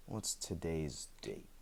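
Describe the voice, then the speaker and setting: Musing and amused, a very deep-voiced immortal man, newly back from death, rambles in a husky, a little mellow, exaggerated voice. The man playing him sounds chatty, sheepish and evasive, hesitating, chuckling frequently and using dry humor. It's one side of a conversation in an ASMR roleplay audio drama.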